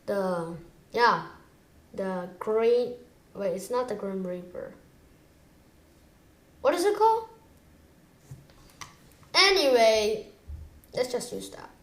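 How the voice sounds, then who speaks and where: A woman with a fairly high voice talks through her gameplay at an unhurried pace. She chats casually, switching between low mutters and sudden excited outbursts. The voice sits in a roomy, echoey space. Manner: chatty, excitable, wavers between muttering and exclaiming. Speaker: gamer. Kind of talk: gameplay commentary.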